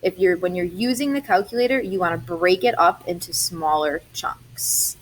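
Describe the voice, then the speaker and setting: A woman's voice: lowish voice, normal speed, a little hiss or hum. A young adult woman, a math teacher, explaining algebra step by step in a chatty recorded lesson.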